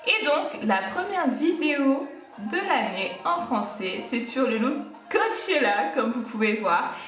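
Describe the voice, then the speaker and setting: A woman's voice: high voice, sing-song, unhurried, a bit bright. A woman from France, a beauty vlogger talking casually to the camera, hesitant and chatty, with many fillers. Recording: echoey room, mic at a distance.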